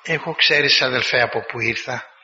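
A man voicing an aged former senator turned hermit, speaking in a calm, measured, slightly lower voice. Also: slight background noise. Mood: calm, reflective. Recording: dull recording with long hall reverb.

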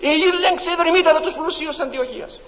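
A male preacher with a very high voice delivers an impassioned, emphatic sermon full of rhetorical questions. The recording is dull and lo-fi, with long reverb from a large church hall.

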